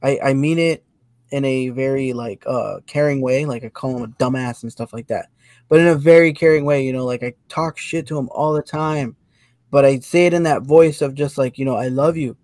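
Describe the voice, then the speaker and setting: A man's voice: mid-range voice, a little fast, darkish tone, no room sound. A man co-hosting a podcast, laid-back and joking, swearing casually. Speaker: podcast co-host.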